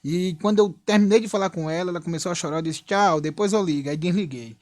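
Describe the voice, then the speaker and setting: A man's voice: high voice, fast, darkish tone, dry recording. A young Brazilian man earnestly telling a personal testimony in church, retelling events with frequent asides. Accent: Brazilian Portuguese. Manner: earnest, repetitive storytelling with frequent "né?". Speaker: church member giving testimony.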